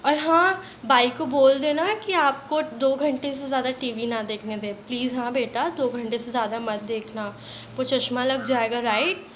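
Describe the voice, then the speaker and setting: A woman's voice: sits high, normal speed, slight background noise, close to an everyday voice. A woman voicing a middle-aged female teacher fussing over her child on the phone, coaxing and repetitive. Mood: doting. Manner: coaxing, fussy, repeating "beta".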